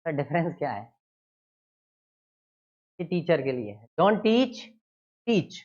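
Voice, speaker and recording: Teaching grammar for an exam, this man asks questions only to answer them himself, hitting key words loudly. He speaks slowly with a fairly high pitch and big pitch swings, on dull-sounding audio.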